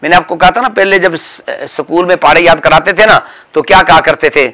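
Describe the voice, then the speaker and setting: A man teaching a classroom grammar lesson, drilling his students with rapid questions and calling out answers. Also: a little high, bright, forceful tone, rough recording. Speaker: religious teacher.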